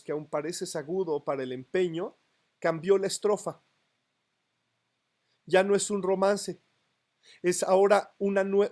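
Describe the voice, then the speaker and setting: In a high, somewhat mellow voice, a literature professor lectures his university class on poetry, sounding out syllable counts and pausing to confirm students are with him.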